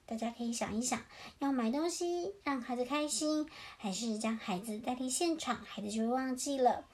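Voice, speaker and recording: A woman gently reading a bedtime storybook to children in a singsong way. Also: sits high, moderate pace. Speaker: parent storyteller.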